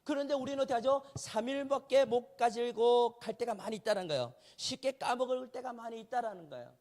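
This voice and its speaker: High-voiced Korean pastor preaching. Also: male voice, fairly quick, a little mellow. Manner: conversational preaching with rhetorical questions. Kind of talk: sermon. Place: church sanctuary.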